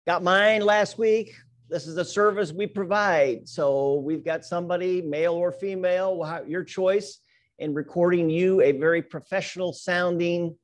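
A man's voice: high-pitched, moderate pace. Upbeat man running a team meeting. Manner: upbeat, teasing, frequent "right?" asides. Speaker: meeting leader. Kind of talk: office team meeting announcements.

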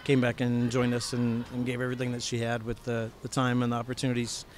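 A middle-aged coach speaks into a handheld mic in a bowling alley after a match. His tone stays flat and he halts on many fillers and restarts, with faint hall noise behind him. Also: medium pitch, quick pace. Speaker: head coach. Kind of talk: post-game interview. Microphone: handheld microphone.

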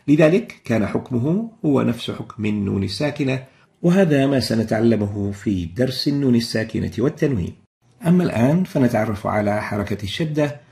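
A man's voice: medium pitch, creaky, warm tone. A man teaching a lesson, explaining step by step in a patient, methodical way and sounding out examples. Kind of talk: explanatory lesson on Arabic script and recitation.

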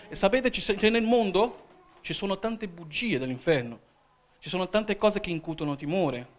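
A man from Italy leading a church sermon, his voice sitting a little above the usual male range. He keeps checking in with the congregation, asking "Amen?" between his points. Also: a little high. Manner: calls out "Amen?" to the congregation often. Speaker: evangelist. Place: church hall.

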